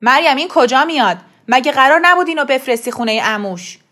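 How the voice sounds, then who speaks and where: A woman voicing a furious, shouting father. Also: high-pitched, animated, voice pushed up. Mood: angry, scolding. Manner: shouting angrily, scolding. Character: angry middle-aged father, status-anxious and harsh.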